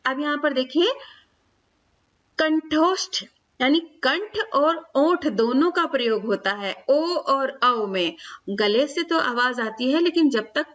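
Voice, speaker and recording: A woman grammar teacher with a fairly high voice explains pronunciation to children step by step. She speaks each sound aloud slowly and repeats it. The recording is dull and lo-fi. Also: expressive, a bit bright, far from the mic. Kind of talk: classroom explanation for schoolchildren.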